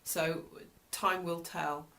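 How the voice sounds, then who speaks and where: A woman's voice: fairly low pitch, steady tone, very slow, sharp tone. A British woman talking casually in a personal video diary, reflective and hesitant, often trailing off mid-thought. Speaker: vlogger.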